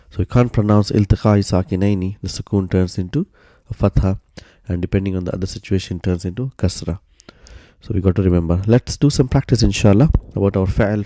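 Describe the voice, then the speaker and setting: A man explaining grammar step by step in a recorded lesson, patient and steady, often starting sentences with "so" and pausing on "uh.". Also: lowish voice, no room sound, clean studio sound. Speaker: Arabic grammar teacher.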